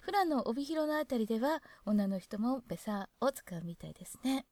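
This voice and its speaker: A woman's voice: on the high side, lively intonation, normal speed, a little mellow, no room sound. Chatty Hokkaido woman explaining dialect. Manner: chatty, adds asides to the text. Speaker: dialect explainer reading a guide. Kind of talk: casual reading with commentary.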